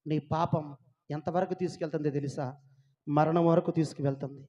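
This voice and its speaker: A male pastor preaching a fiery sermon, dropping to a hush and then shouting, and calling on his listeners to clap loudly. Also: a little high, steady tone, a little fast, highs cut off. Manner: calls on the crowd to clap loudly, asks questions.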